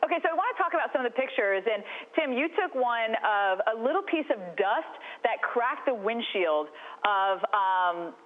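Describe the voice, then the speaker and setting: A woman interviewer with a slightly high voice asks questions in a casual, chatty style. She sounds tinny and narrow, as if on a phone line. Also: expressive, moderate pace. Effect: phone or radio link. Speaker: TV weather channel interviewer.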